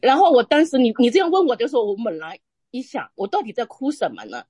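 A woman telling a personal faith testimony in conversation, earnest and halting, restarting her phrases often. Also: on the high side, big pitch swings, warm tone, breathy edge, no room sound. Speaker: church member sharing testimony.

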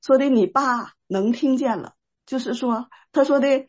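A woman telling a personal faith testimony in a casual, animated way, with many fillers. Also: high voice, moderate pace, breathy edge. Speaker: guest sharing a testimony. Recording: dull lo-fi sound.

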